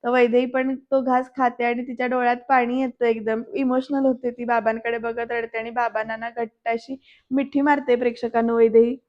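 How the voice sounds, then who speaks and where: A woman's voice: a little high, little pitch movement, brisk, highs cut off. A woman giving a voice-over recap of a serial episode, telling the story scene by scene and often speaking straight to the viewers. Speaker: serial reviewer.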